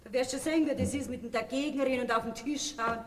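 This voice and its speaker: A woman's voice: high-pitched, fairly even intonation, fast, close to an everyday voice. A woman playing a fed-up Bavarian farm wife. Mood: lecturing. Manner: scolding, indignant, loud. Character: fed-up middle-aged farm wife and mother, scolding. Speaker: stage actor. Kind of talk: folk theater comedy acting. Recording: stage recording from far off, hall reverb.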